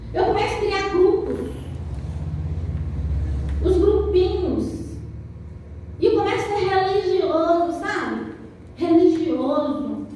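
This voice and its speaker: A woman pastor with a Brazilian accent preaches to her congregation, animated and playful as she tells her stories. Her voice is very high. It is picked up from a distance in a strongly reverberant church hall. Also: a little hiss or hum. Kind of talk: sermon. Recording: very echoey church hall, from afar.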